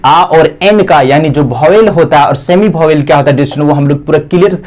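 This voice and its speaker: A man's voice: a little high, fairly quick, a little mellow. A young man teaching an English grammar lesson, repeating his fillers and addressing the students again and again.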